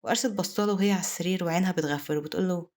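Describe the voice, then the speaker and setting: A woman with an Egyptian Arabic accent narrating a comic recap in a rapid, even manner. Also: lowish voice. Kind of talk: scripted story narration.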